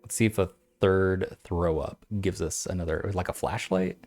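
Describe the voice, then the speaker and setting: A man streaming a game, chatting and reading old-style text aloud in a halting, stumbling way, laughing at himself. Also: low voice, steady tone, darkish tone, faint music behind. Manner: self-mocking, laughs often. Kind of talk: let's-play commentary with reading aloud.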